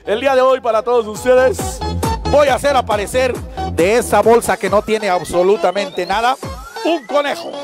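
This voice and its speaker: A man's voice: very high voice, normal speed, over music. A man performing as a children's party clown at a live show, playful and laughing as he calls out to the kids.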